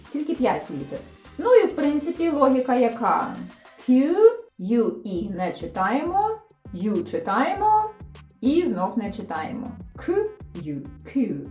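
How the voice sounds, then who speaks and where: A young adult woman teaching an online English reading lesson, explaining clearly in a lively teaching tone. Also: fairly high pitch, roomy sound.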